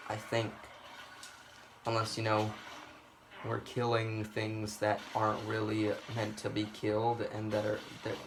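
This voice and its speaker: A man's voice: on the low side, creaky, noisy background. A man rambling through casual gameplay commentary, swearing freely and making self-deprecating asides. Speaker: gaming video host.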